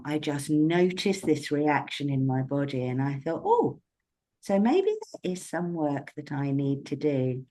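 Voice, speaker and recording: Woman, 60s, therapist telling her own story, unhurried delivery, lowish voice, expressive. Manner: warm storytelling, expressive swings in pitch. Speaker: abdominal therapist and educator. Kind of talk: conversational interview.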